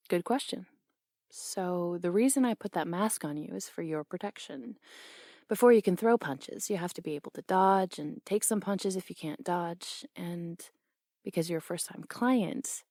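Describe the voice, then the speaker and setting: A woman's voice: fairly low pitch, dark tone, no room sound, clean studio sound. A woman playing a teasing tomboy boxing coach. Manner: teasing, blunt, laughs often. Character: brash tomboy female boxing coach, young adult, teasing. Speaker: audio role-play performer. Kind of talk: audio role-play.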